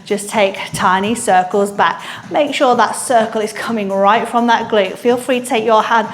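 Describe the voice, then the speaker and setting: A woman leading a barre class as an aerobics instructor, giving encouraging, energetic counted cues while exerting herself. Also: on the high side, moderate pace, a little hiss or hum. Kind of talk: aerobics instructor cueing a workout with counted commands.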